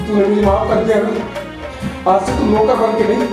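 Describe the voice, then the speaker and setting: An actor playing a householder who loudly accuses his servant of theft in a rural Hindi film. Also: high-pitched, level tone, moderate pace, close to an everyday voice. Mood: remorseful. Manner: loud, accusing, then remorseful. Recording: echoey room, mic far off, background music.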